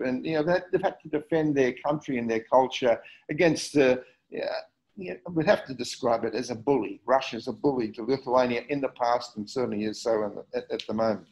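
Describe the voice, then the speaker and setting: A middle-aged Australian man gives a community history talk over slides, hesitating often and filling gaps with repeated words and fillers. His medium-pitched voice has a slightly mellow quality, and the recording is dull and lo-fi.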